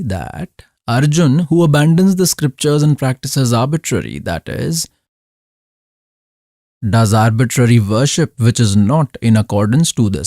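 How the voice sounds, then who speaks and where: A man delivering a scripted spiritual discourse in a slow, deliberate manner, pausing often between short phrases. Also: medium pitch, dark tone, no room sound, studio quality. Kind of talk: religious discourse, scripted voice-over.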